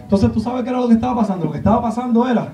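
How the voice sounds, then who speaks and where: A man from Puerto Rico with a Puerto Rican accent, preaching a sermon with animated, humorous storytelling. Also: very high voice, very fast. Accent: Puerto Rican Spanish. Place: large church hall. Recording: echoey church from a distant mic, dull lo-fi sound.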